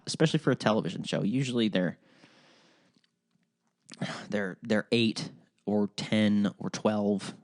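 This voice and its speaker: A fairly low-voiced young man from Ohio, Midwestern accent and all, hosts a solo podcast in a dry, studio-quality recording. The talk is loose and profane, meandering with fillers and do-overs.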